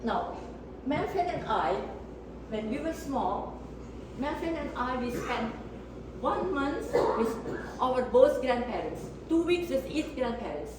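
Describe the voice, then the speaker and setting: An older woman teaches an informal class in a didactic, emphatic way, listing words deliberately and repeating herself. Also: high-pitched, sing-song. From Indonesia. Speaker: etiquette teacher. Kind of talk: informal class lecture to family. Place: echoey indoor room, mic at a distance. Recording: echoey room, distant mic, faint noise.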